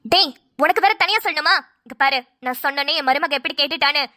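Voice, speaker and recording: A woman voicing a brisk, bossy but caring middle-aged mother in a cartoon. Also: high-pitched, bright, forceful tone, no echo, studio quality. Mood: commanding. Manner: brisk, commanding, fond. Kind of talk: cartoon voice acting.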